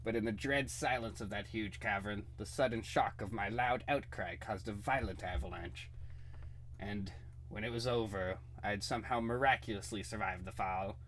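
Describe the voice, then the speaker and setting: A man's voice: fairly low pitch, moderate pace, a bit bright, natural voice. A man playing a bitter, megalomaniac underground outcast villain with a grandiose, menacing delivery in a comic book reading. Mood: dramatic recounting.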